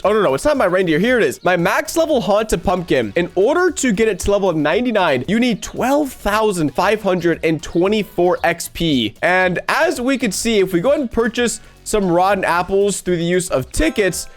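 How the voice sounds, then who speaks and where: A man hosting a gameplay video, talking to his viewers in a chatty, upbeat way with a stuffy nose from a cold. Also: sits high. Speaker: gaming channel host. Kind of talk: gameplay commentary.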